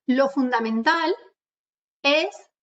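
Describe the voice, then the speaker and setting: Her voice high and a bit bright, an Andalusian-accented woman runs a webinar on communication skills from her home. She addresses the audience directly as she explains, easing her pace on important words. The sound comes through a computer mic and feels remote and muffled.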